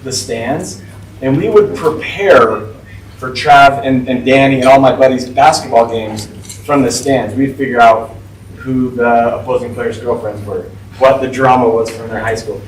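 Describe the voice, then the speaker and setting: A man's voice: mid-range voice, normal speed, distant mic, a little hiss or hum. A man of about forty, giving a casual, informal talk to a class as a guest speaker, with lots of "like" and "right?". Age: 40s. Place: school classroom. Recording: echoey room, voice from off-mic.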